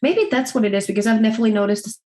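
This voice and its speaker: A young adult woman co-hosting a podcast, talking fast and a little mumbled in casual, self-deprecating chat. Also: fairly high pitch, a little mellow, low-quality recording. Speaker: podcast co-host.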